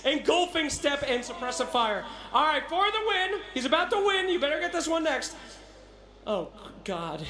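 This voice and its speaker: Brief: male stage host, very high voice, loud showman energy, echoey hall. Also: very animated, normal speed. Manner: showman, often shouting to the crowd. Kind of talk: comedic live stage hosting. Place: live event stage.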